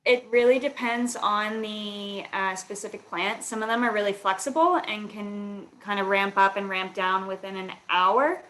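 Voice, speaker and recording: A woman's voice: mid-range voice, fairly even intonation, moderate pace, hardly any pauses, a bit bright, slight background noise. A woman answering questions as an alumna guest in a webinar, explaining at length with frequent fillers over a video call.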